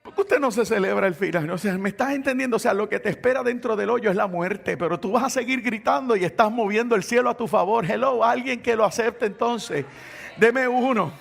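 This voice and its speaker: Fervent pastor, high gravelly voice. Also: male voice, brisk. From Puerto Rico. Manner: fervent preaching, with repeated shouted declarations. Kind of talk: sermon. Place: church.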